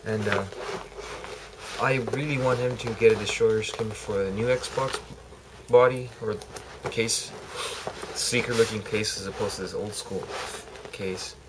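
A man's voice: fairly low pitch, steady tone, measured pace, pauses often. Man, casual how-to vlogger, laid-back, swears casually, thinks aloud, noisy recording.

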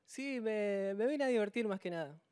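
A man's voice: high voice, lively intonation, normal speed, darkish tone. Young argentine guy as a tv contestant, short casual answers into a handheld mic. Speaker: game show contestant. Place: TV studio stage. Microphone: handheld microphone.

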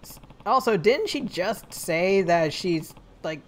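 A woman's voice: fairly low pitch, animated, slow. A woman streamer giving giggly, rambling game commentary. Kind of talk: game commentary while voicing characters.

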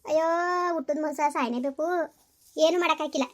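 A woman's voice: high voice, steady tone, fast talker. A woman playing a grieving mother-in-law in a village skit, scolding and pleading with repeated questions. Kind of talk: village comedy skit acting.

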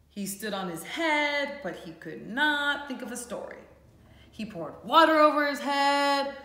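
Woman voicing Frog, a lively storybook frog. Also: on the high side, voice pushed up, exaggerated voice. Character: friendly, curious frog friend from storybook. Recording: echoey room.

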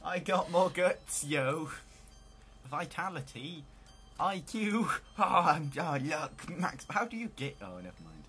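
A man's voice: on the high side, sing-song, slow pace, pushed and bright, husky, faint music behind. A man hosting a let's play, giving casual, joking commentary on a video game.

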